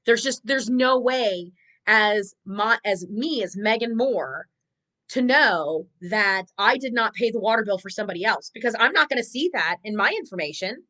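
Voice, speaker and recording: A woman's voice: mid-range voice, low-quality recording. A woman who manages rental property, talking casually and animatedly on a live stream. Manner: chatty, animated, acts out dialogue with clients.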